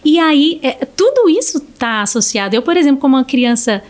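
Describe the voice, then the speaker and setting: A woman's voice: sits high, sing-song, fairly quick, darkish tone. A woman speech therapist from Brazil, a podcast guest explaining things in a teacherly, conversational way.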